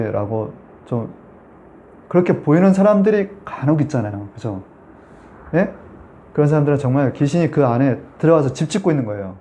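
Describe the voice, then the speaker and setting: A male pastor gives a Sunday sermon as a story, often turning to the congregation with questions. His pitch sits fairly high and moves up and down a great deal. His tone is mellow and warm. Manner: animated storytelling, conversational with the congregation.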